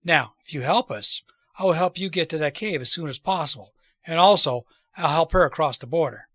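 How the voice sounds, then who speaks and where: A man reading an earnest revolutionary plotter, bright-voiced. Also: on the high side, fairly quick, dry recording, studio quality. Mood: persuasive. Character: earnest male revolutionary plotter persuading wary allies. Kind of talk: storybook character read aloud.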